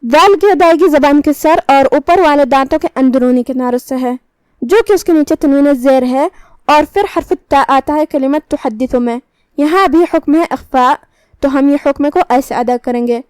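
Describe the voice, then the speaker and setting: A woman with a high voice teaches Quran recitation, reciting each verse slowly and then explaining how every letter is pronounced. Her delivery is measured and methodical. The sound is dry and close, with no room echo. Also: darkish tone. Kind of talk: tajweed lesson with slow recitation.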